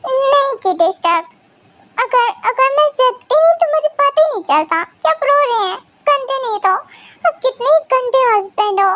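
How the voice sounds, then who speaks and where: A woman playing a sweet, playful young wife in a fan audio drama, comforting and lively. The voice is very high and girlish. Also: normal speed, no echo. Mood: teasing.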